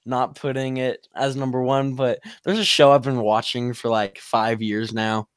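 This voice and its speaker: A man's voice: medium pitch, steady tone, normal speed, clean tone, dry recording, studio quality. A young man co-hosting a podcast, talking casually and a little hesitantly. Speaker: podcast co-host. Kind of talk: casual chat.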